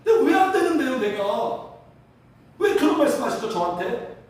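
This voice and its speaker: A man's voice: extremely high pitch, sing-song, moderate pace. A man voicing an indignant apostle who protests with hurt pride. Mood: protesting. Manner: pleading, protesting. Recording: very echoey hall from a distance.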